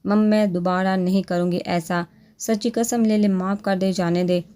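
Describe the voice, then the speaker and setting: A woman's voice: mid-range voice, fairly even intonation, normal speed, mellow, lightly acted. A woman reading the lines of a frightened, innocent young village wife who pleads fearfully. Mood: pleading.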